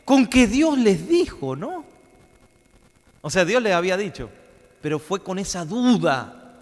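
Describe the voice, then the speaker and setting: A male pastor preaching a sermon with emphasis, repeating phrases and slowing down to stress them. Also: high voice, sing-song, in a large hall. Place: church.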